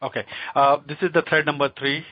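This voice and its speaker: A man calling in and explaining his question in a polite, halting way. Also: a little high, little pitch movement. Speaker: caller. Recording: dull phone call.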